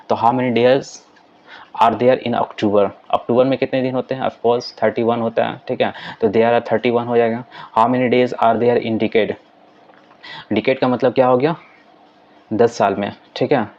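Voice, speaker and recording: A man teaching English in Hindi. He reads English sentences slowly, explains them quickly, and keeps saying "ठीक है" as he goes. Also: mid-range voice, highs cut off. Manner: repeats "ठीक है" as a filler.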